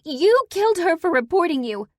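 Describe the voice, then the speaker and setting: A grieving young woman, hysterical, shrieking high, near to breaking. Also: sing-song, normal speed, darkish tone, no echo, clean studio sound. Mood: accusing. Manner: shrieking, sobbing.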